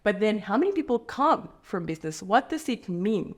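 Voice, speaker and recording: A woman's voice: medium pitch, sing-song, moderate pace. A woman hosting a podcast interview in person, framing her questions thoughtfully with many hesitations. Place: indoor room, in person with guest.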